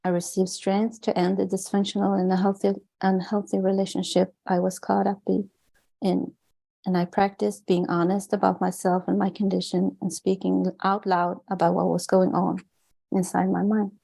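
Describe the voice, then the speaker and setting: Swedish-accented woman author reading her book aloud, gravelly and mellow, flat delivery. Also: medium pitch, poor audio. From Sweden. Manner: earnest, measured, with small restarts. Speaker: author and guest.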